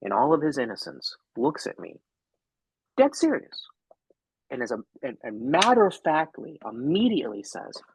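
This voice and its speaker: Animated, husky-voiced man telling a story. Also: medium pitch, normal speed, no room sound, poor audio. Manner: animated, candid, swears casually. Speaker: workshop co-host. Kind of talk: casual storytelling talk. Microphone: video call.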